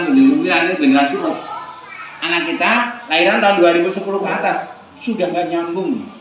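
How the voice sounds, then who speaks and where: A man in his forties giving a joking, animated parenting seminar talk and putting questions to the audience. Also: on the high side. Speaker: seminar speaker. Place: seminar hall. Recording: echoey hall, dull lo-fi sound, clear room noise.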